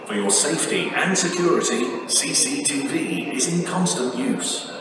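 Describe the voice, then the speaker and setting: Train station announcement, man, calm and formal, slightly raised pitch, distant loudspeaker in a hall with long reverb. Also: a little slow, background noise. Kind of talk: recorded safety announcement. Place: large railway station concourse. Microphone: station loudspeaker picked up from far off. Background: station ambience.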